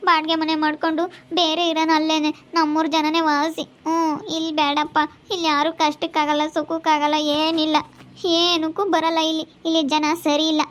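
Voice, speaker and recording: A woman's voice: sits high, level tone, normal speed, fairly bright tone. Woman playing a weepy homesick young wife. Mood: tearful pleading. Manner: weepy, pleading. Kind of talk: village skit acting.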